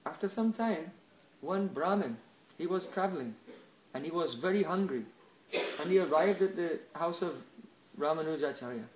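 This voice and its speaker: A man with a high-pitched voice tells a devotional story as a spiritual teacher. He talks in an animated way and checks in with listeners with a quick "huh?" between story beats. His voice echoes around the room. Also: a little hiss or hum.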